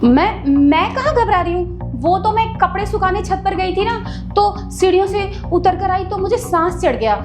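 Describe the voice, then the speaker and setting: A very high-voiced, sharp-tongued house maid, played by a woman in a short drama skit. She bickers and defends herself quickly. Music plays under the scene. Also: expressive. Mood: defensive, scolding. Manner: snappy and quarrelsome, then pleading. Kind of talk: Hindi web-skit acting.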